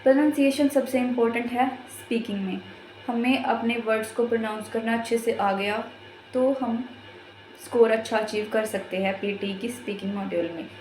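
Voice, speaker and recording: A woman's voice: fairly high pitch, roomy sound, noisy background. A woman giving a patient, step-by-step lesson as an exam prep teacher, repeating her points as she explains.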